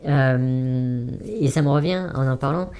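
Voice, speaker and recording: A man's voice: medium pitch, slow pace, warm tone, smooth. A man in his forties giving an anonymous interview testimony, hesitant with many fillers and repeating words for emphasis. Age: 40s. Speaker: anonymous former trading student giving testimony.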